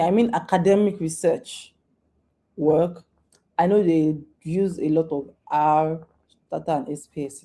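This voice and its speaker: A woman's voice: on the low side, mellow. A woman answering questions in a live online session, talking informally with repeats and restarts in a coaching tone. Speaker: guest speaker on data careers. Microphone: video call.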